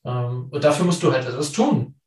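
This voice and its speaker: A man's voice: medium pitch, fairly quick, darkish tone, recorded from a distance. A man hosting a podcast, coaching his listeners with many casual fillers. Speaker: podcast host. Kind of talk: podcast chat and wrap-up. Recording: roomy sound from off the mic.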